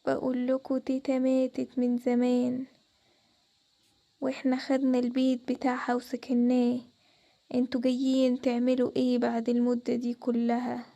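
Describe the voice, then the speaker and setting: A woman voicing an unseen ghostly presence in a cartoon, speaking with a slow, drawn-out, menacing delivery and an Egyptian accent. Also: fairly high pitch, completely flat delivery, creaky, mellow, pitched below the performer's own voice. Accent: Egyptian Arabic.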